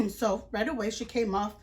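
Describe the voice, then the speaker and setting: A woman's voice: fairly high pitch, a little slow, darkish tone. A young adult woman telling a storytime vlog in a chatty, indignant way, full of fillers and retold dialogue. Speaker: vlogger.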